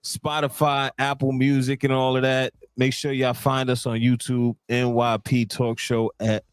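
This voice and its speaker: A man's voice: mid-range voice, flat delivery, measured pace, clean tone, dry recording. A man hosts a casual talk show in a mid-range voice. The sound is dry and close. He talks loosely, repeats himself and restarts his sentences a lot. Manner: loose and repetitive, restarts often. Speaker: podcast host.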